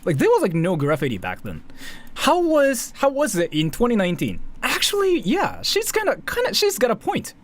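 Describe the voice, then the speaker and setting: A very high-pitched male voice with wildly swooping pitch, at normal speed, belongs to a Japanese-accented streamer and commentary host. His casual live commentary is rambling and repetitive, full of self-interruptions and casual swearing, recorded with faint background noise.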